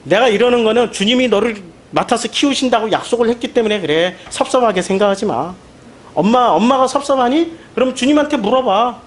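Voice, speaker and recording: A male pastor delivering a sermon in an emphatic, animated way, full of rhetorical questions. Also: high-pitched, fast talker, hardly any pauses.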